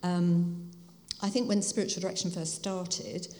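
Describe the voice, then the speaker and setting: A woman's voice: fairly low pitch, steady tone, a little slow, mellow. A mature woman with a Home Counties English accent, speaking reflectively and conversationally as an interview guest, explaining things to an audience. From Hertfordshire, England. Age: 50s or older. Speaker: guest speaker, spiritual director. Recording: reverberant hall.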